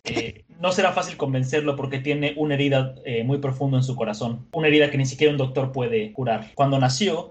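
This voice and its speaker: A man casually retelling a comic chapter, lively, slangy, and laughing easily. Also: mid-range voice. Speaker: podcast co-host.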